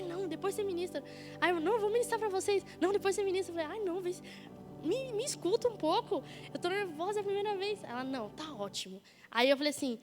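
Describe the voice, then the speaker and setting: A young woman, a church leader, giving a lively testimony sermon and acting out the conversations in it. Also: high-pitched, big-room sound. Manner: lively storytelling, acting out dialogue.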